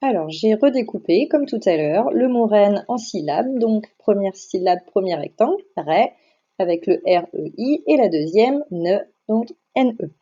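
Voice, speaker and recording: A woman teaching phonics to young children in a recorded slideshow lesson. She speaks slowly and carefully, stretching each sound so the children can hear it. Her voice is mellow and soft, and the recording sounds a little dull and lo-fi. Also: mid-range voice, animated, breathy edge. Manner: slow, careful, over-articulating sounds and syllables. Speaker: primary school teacher.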